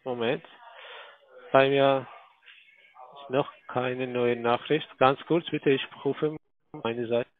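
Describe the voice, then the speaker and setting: A man who is not a native German speaker, talking haltingly on a phone call with many filler sounds and broken grammar. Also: mid-range voice, flat delivery, no room sound. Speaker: scam call center agent. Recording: tinny dry phone line.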